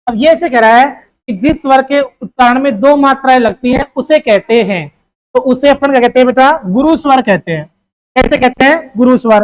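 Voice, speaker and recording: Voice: sits high, rough recording. A teacher giving an exam-prep grammar lesson. The teacher keeps asking questions, answers them, and calls the listeners "beta.".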